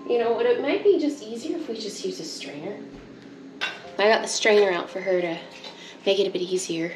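A young homestead cooking vlogger chats her way through a home cooking project, laughing easily and coughing at pepper fumes. Her mid-range voice is expressive and brisk over music, picked up by a wide camera on the counter in an echoey, noisy kitchen.

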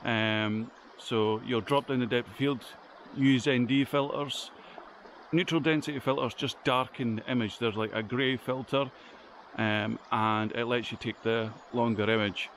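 A man's voice: medium pitch, steady tone, unhurried, fairly bright tone, slight background noise. Chatty man vlogging outdoors. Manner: chatty, rambling, lots of ums. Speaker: photography vlogger. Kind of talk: casual vlog chat. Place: outdoors in woodland by a stream.

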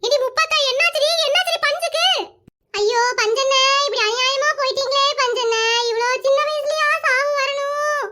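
A woman voicing a nosy, gossiping village neighbor in a cartoon, excitable in manner. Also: normal speed. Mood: gossipy. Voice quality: very high squeaky cartoon voice.

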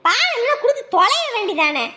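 A woman's voice: very high voice, sing-song, brisk, bright, forceful tone, exaggerated voice. An actress playing an irritable, spiteful woman who scolds and complains harshly. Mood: annoyed. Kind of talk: Tamil family drama acting.

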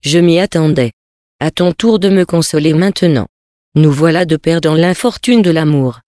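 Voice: medium pitch, moderate pace, darkish tone, dry recording, studio quality, close to an everyday voice. Reader doing a brash, jaunty adventurer. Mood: jaunty, ironic. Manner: bold, ironic, hearty.

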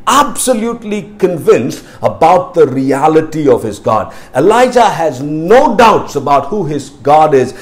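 A man preaching a sermon, emphatic and repetitive, stressing key words and phrases. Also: high voice. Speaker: pastor.

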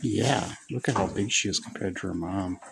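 A man chatting casually while filming his goats in a barn, rambling slowly and sometimes cooing to the animals in a high voice. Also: gravelly. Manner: slow, rambling, talks to his goats in high baby talk. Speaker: goat farmer vlogger. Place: goat barn pen, indoors. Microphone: phone camera held by the speaker. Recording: noisy barn phone recording.

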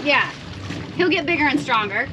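A woman's voice: high-pitched, lively intonation, moderate pace. A woman co-hosting a sailing vlog, exclaiming and giggling as she reels in a fish outdoors on a boat. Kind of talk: casual chat on a boat while fishing. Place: outdoors on a sailboat at sea. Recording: noisy outdoor boat recording.

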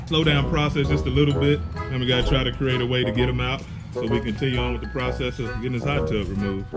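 Man talking to camera over loud music. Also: mid-range voice. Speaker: junk removal worker. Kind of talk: casual on-site vlog chat. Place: outdoor backyard patio.

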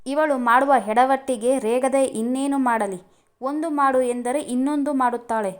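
A woman's voice: high-pitched, steady tone, moderate pace, natural voice. Woman doing Badri, a hot-tempered young man. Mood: irritated. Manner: snapping, scolding.

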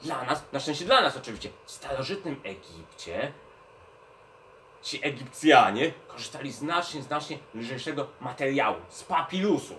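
A man's voice: mid-range voice, expressive, normal speed, bright, forceful tone, distant mic, slight background noise. Patient man explaining things to children. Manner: patient, explaining, checks in with the kids. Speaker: children's librarian. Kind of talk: children's educational talk.

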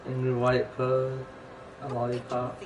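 A man's voice: mid-range voice, completely flat delivery, a little slow, noisy background. A man casually commenting on his gameplay, mumbling to himself as he browses items. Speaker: streamer playing a video game.

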